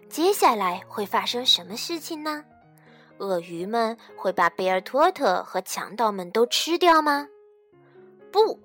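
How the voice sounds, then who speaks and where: A woman narrating a children's story with an expressive, lively storybook delivery. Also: fairly high pitch.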